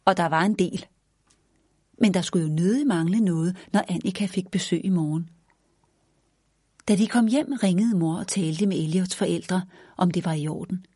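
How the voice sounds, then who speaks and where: A woman reads a children's story aloud in a gentle, even way. Her voice sits low with a husky, breathy edge. The recording is close and dry, with no room sound. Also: pauses often, no room sound.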